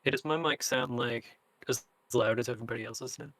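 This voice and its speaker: A man's voice: mid-range voice, a little fast, a bit bright, no echo. A man bantering casually as a podcast co-host.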